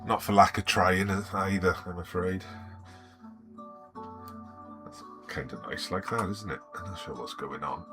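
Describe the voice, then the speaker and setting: An older Welsh man streams live from a desk in his home studio, muttering to himself while he works, grumbling at his software, then greeting viewers in the chat of his art stream. His voice sits low and he's a little slow, with long pauses, and music plays in the background.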